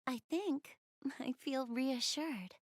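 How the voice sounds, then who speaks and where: High-voiced, shy bookish girl Blanc. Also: slow, dry recording, studio quality. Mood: absorbed, apologetic. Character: gentle, bookish, shy young girl, a devoted older sister. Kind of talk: video game cutscene dialogue, addressing the listener.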